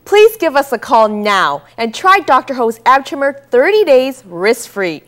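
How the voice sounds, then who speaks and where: A woman's voice: high voice, sing-song, a little slow, fairly bright tone. A woman in her thirties presenting a scripted infomercial as co-host. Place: TV studio set.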